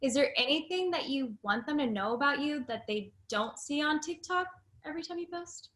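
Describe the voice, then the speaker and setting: A woman's voice: high voice, lively intonation, moderate pace, a bit bright, echoey room. A woman interviewer asking questions in a friendly, chatty way. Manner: friendly, chatty, laughs along. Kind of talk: casual interview chat.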